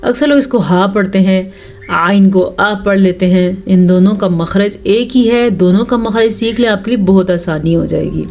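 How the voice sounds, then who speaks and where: A woman's voice: mid-range voice, normal speed, vocal fry, a little mellow. A woman teaching Quran recitation rules, explaining them patiently and repeating sounds to correct pronunciation. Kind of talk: tajweed lesson.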